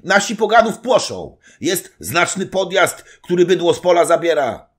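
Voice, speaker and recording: A man voicing a loyal male servant in an audiobook, shouting urgent warnings in alarm. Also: high-pitched, sing-song, normal speed, slightly rough, voice pushed up, full character voice.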